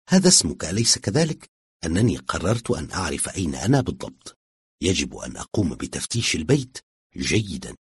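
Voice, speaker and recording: Man, audiobook narrator, scripted storytelling, very lively pitch, dry close sound. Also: breathy edge, dry recording. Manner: expressive storytelling, voicing a woman's confession. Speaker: audiobook reader.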